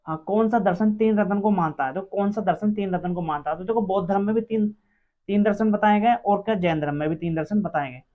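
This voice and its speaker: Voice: medium pitch, fast. Dull-sounding teacher drilling quiz answers. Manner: asks each question aloud, then answers it, repeating it several times. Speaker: exam-prep history teacher. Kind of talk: exam-prep quiz lesson. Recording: dull lo-fi recording.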